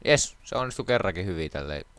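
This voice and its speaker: A man's voice: low-pitched, lively intonation, a bit bright. A man hosting a game let's play, chatting casually with jokes and sarcastic banter. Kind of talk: casual gaming chat.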